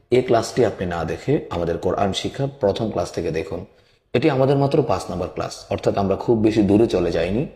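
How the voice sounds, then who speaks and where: A man's voice: lowish voice, dark tone, echoey room. A man teaching an online Quran reading class, repeating each rule and asking then answering his own questions. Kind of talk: online Quran recitation lesson.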